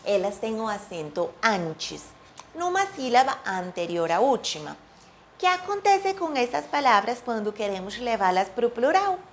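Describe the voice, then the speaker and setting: Professora de português, fala pausada e expressiva. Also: female voice, sing-song, slight background noise. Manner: clear, deliberate, says example words slowly with rising and falling pitch. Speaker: Portuguese teacher. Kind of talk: language lesson.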